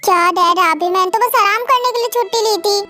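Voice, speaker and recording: A woman's voice: very high-pitched, fast talker, pushed and bright, slight background noise. Woman playing a defiant young man. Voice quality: stubborn, defiant. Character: young man defying his father for love.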